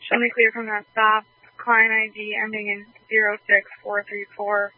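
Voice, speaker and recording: A woman officer's voice comes through a police radio, thin and tinny like a phone line. She reads out numbers and codes in an even, level tone, terse and procedural, with almost no rise or fall. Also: medium pitch, moderate pace, breathy edge. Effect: police radio transmission. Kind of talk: clipped radio call codes. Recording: narrow tinny radio channel.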